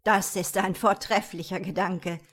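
A woman's voice: medium pitch, fairly even intonation, unhurried, fairly bright tone. A woman voicing a young, dreamy prince who resents becoming king. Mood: weary. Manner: sulky, dramatic outbursts.

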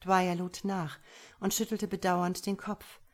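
Low-voiced woman narrating a story. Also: flat delivery, unhurried. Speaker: audiobook narrator. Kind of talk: scripted narration.

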